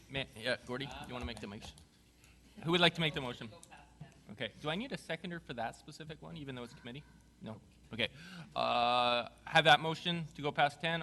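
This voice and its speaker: A man chairing a city council committee meeting, briskly calling motions and votes in a council chamber. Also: medium pitch, sharp tone, slight background noise. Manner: brisk, procedural, chuckles between items.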